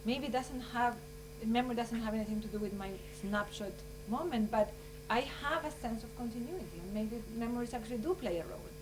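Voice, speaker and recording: A woman from Chile speaks earnestly at a conference, winding through her thoughts. Her voice sits fairly high. She is picked up from some distance in the room, with a steady hum underneath. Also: brisk, few pauses. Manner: earnest, rambling, full of "you know" and "like". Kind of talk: informal closing remarks at a conference.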